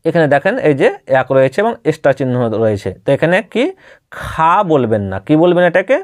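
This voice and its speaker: A patient male teacher with a fairly high voice and a Bengali accent who walks through Arabic letter sounds one by one. He repeats each example and asks the listener questions as he goes. The recording is dry and close, with no room sound. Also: very animated, fast, darkish tone, no echo. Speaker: Quran reading teacher. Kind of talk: step-by-step spoken lesson.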